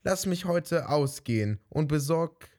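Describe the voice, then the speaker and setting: A man's voice: fairly high pitch, animated, measured pace, darkish tone. Sly greedy cat as a man reads her, coaxing, a bit raised, storybook tale. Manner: coaxing, sweet-talking. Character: sly greedy female cat, smooth talker.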